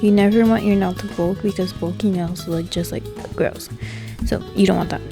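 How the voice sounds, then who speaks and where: A woman's voice: medium pitch, steady tone, moderate pace. A young woman giving a casual, chatty tutorial voice-over, her speech slightly impeded by a swollen mouth, with music behind her. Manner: informal, chatty, filler-heavy with "like". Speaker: nail technician giving a tutorial. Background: background music.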